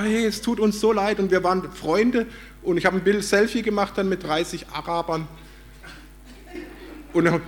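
A man from Germany preaching a sermon, telling a story with animation and acting out the voices he quotes. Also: high-pitched.

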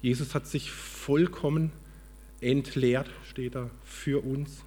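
Brief: earnest male preacher, calm storyteller, medium pitch, a slightly husky voice. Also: takes it slowly, big-room sound. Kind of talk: storytelling sermon.

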